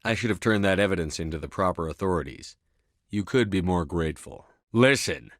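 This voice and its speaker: Commander Shepard, deep tough space commander. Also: male voice, lively intonation, brisk, a bit bright, no room sound, clean studio sound. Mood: firm, probing. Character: composed, tough, businesslike male space navy commander. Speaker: video game voice actor. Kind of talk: scripted video game dialogue.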